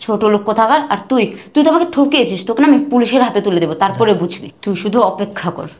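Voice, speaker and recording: A woman's voice: fairly high pitch, lively intonation, rapid-fire, natural voice. An actress playing an arrogant rich young bride who hurls scornful insults at her poor in-laws. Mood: contemptuous. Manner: shouting insults, sneering. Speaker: actress in a short drama. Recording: echoey room.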